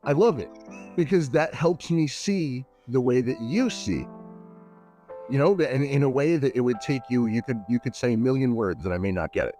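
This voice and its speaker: A man's voice: mid-range voice, animated, moderate pace, dark tone, faint music behind. A man chatting as a podcast guest, eager and full of restarts and filler words. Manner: enthusiastic, many "like" fillers and restarts. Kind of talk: casual chat.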